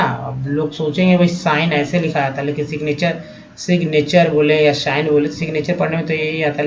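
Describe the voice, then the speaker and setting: Patient male tutor walking through slides, slightly high voice, muffled lo-fi sound. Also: slight background noise. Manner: explains patiently, often asks "है ना". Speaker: English teacher. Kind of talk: slide-based language lesson.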